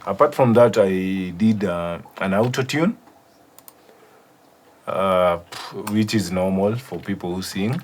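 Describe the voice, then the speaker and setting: Kenyan male producer, lowish voice, casual tutorial delivery, faint background noise. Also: takes it slowly. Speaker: music producer giving a tutorial. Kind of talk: casual studio walkthrough mixing English and Swahili.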